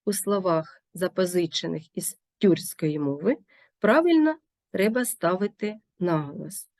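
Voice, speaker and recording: A woman teacher reading a scripted lesson, pronouncing each word carefully and deliberately. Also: on the low side, expressive, a little mellow, no room sound. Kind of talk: slow scripted lesson narration.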